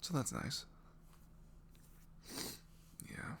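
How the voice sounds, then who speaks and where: A young man plays an awkward, apologetic college-age ex-boyfriend in an intimate ASMR audio roleplay. He speaks softly and haltingly, often close to a whisper, hesitating and trailing off with an awkward, polite mood. Background noise can be heard.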